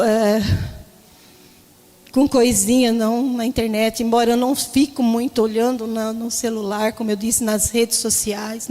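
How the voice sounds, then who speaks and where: Woman pastor, heartfelt sermon testimony, slightly high voice, long church reverb. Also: mellow. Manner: emotional testimony, often addressing the congregation as brothers.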